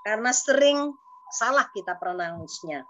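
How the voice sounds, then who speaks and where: A woman's voice: mid-range voice, animated, moderate pace, highs cut off, a little hiss or hum. A woman with an Indonesian accent teaching an English lesson over a video call, patiently repeating words for the class to copy.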